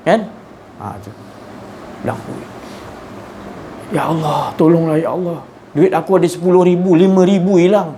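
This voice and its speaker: A man's voice: mid-range voice, a little mellow, a little hiss or hum. A man with a Malaysian Malay accent giving a colloquial religious talk, who speaks rhetorically and keeps firing tag questions at his listeners. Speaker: preacher.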